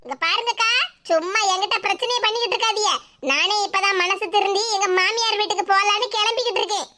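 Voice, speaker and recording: A woman voicing a stubborn, quick-tongued young daughter-in-law in a cartoon, with a Tirunelveli Tamil accent and sharp retorts. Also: very high-pitched. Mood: irritated. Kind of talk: cartoon comedy voice acting. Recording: loud background hiss.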